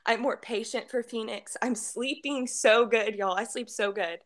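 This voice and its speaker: A woman's voice: a little high, unhurried. A woman gives a heartfelt personal testimony with many fillers, crying at times. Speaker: guest sharing a testimonial.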